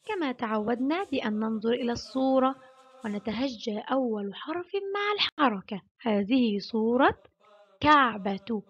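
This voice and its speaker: A woman with a high-pitched voice leads a phonics lesson for young children. She draws each sound out slowly and praises her class often. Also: animated, husky, muffled recording. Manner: slow, drawn-out syllable sounding with warm praise. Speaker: kindergarten Arabic teacher.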